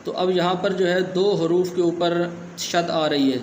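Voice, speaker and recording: A man teaching a Quran reading lesson, patiently spelling out each word syllable by syllable and repeating it slowly. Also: high voice, steady tone, echoey room, slight background noise.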